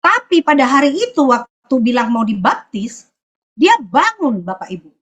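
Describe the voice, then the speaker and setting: A woman's voice: on the high side, big pitch swings, fairly bright tone, slightly rough. Woman telling a hesitant testimony. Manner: hesitant, often pausing to search for words. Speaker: church member giving a testimony. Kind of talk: personal testimony.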